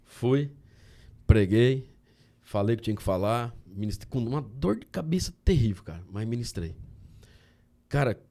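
A man from Brazil, a guest on a podcast, telling a personal story in a casual, animated way and often saying "cara". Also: mid-range voice, moderate pace, long pauses. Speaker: podcast guest, candy entrepreneur.

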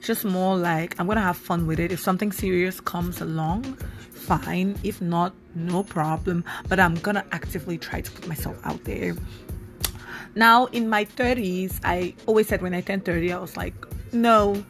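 A woman's voice: fairly low pitch, normal speed, soft background music. A woman in her thirties hosting her own podcast, talking casually and animatedly with plenty of fillers. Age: 30s. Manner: chatty, animated, with many fillers. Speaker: podcast host. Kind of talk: casual solo podcast talk.

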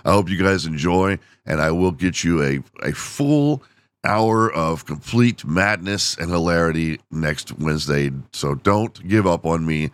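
A man with a low, smooth voice speaks at a measured pace on his casual solo podcast, with no echo in the recording. Rambling and self-deprecating, he laughs frequently while his overused voice starts to fail.

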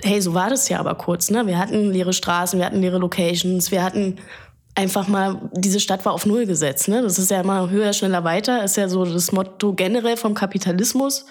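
A chatty woman in her thirties from Berlin, Germany, a photographer appearing as a guest, talks casually in an interview. She's earnest and uses many fillers, her mid-range voice steady, brisk, darkish and slightly rough.

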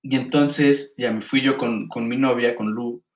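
A young man with a Mexican Spanish accent, co-hosting a podcast and telling a story in an animated, slangy way. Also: mid-range voice, a little slow, echoey room. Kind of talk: casual storytelling chat.

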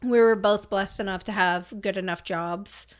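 A woman's voice: mid-range voice, fairly even intonation, normal speed. A young woman co-hosting a podcast, chatting casually and telling stories that break into big laughs. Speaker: podcast co-host. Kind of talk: casual chat.

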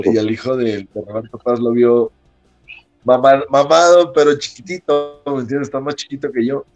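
A man with a Mexican accent, a wrestler guest casually telling an anecdote, animated and often laughing as he acts out the people in it. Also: mid-range voice, poor audio. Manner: lively storyteller who acts out quoted people in a raised voice and laughs often.

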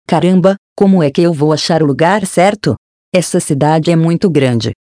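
A timid little girl in an audiobook asks shy, unsure questions, as a narrator puts her on. The voice is mellow and close, with a dry sound. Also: medium pitch, normal speed, no room sound, lightly acted. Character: young girl, lost and unsure.

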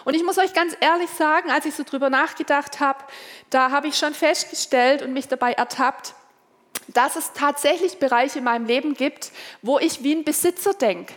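A woman's voice: high voice, big-room sound. A woman pastor preaching a sermon in a conversational way, asking her listeners direct questions and voicing the prayers they might say.

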